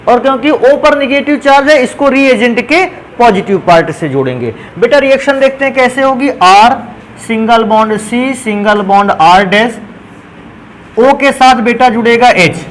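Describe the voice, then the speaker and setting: A man's voice: very high voice, slight background noise, low-quality recording. A man teaching a chemistry lesson in a classroom style, asking questions and answering them himself and addressing students fondly as children.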